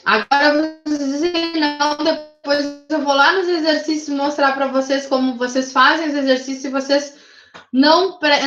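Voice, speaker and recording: A high-pitched woman with a Brazilian Portuguese accent walks her class through grammar rules step by step, patient and methodical, checking in every few phrases. Her voice sits in a roomy space, and the recording sounds slightly dull. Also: fairly bright tone. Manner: patient, methodical, checks in with frequent tag questions. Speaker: English teacher.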